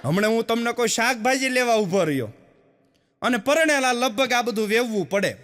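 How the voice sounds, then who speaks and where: On stage before an audience, a Gujarati comedian from India tells village jokes, voicing both people in every exchange and repeating the punchlines. His very high-pitched voice is expressive and fairly bright, at a moderate pace, with a long reverb tail.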